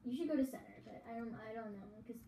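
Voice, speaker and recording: A woman with a fairly high voice talks in loose, excitable running commentary as she watches a friend's game. She rambles from one thought to the next. The sound is roomy and echoey, with a faint hiss underneath. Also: quick pace.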